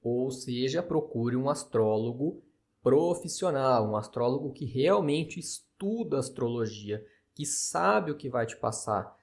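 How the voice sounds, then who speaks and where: A man with a Brazilian Portuguese accent talks casually as an astrologer hosting his own podcast. He has a gravelly, mid-pitched voice. He explains points in a chatty, skeptical manner, often checking in with the listener. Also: expressive, measured pace, a little mellow. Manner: chatty, skeptical, with frequent tag questions.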